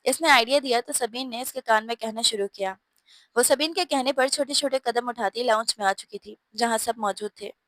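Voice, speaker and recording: A woman storyteller narrating a scripted bedtime story in a steady, even reading voice. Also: a little high, brisk, no room sound.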